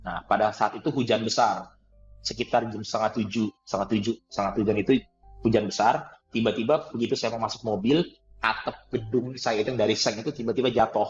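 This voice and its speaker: A man telling a personal story in conversation, animated, laughing often and acting out the dialogue. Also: fairly low pitch, fast, lo-fi sound, faint music behind. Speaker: guest trainer.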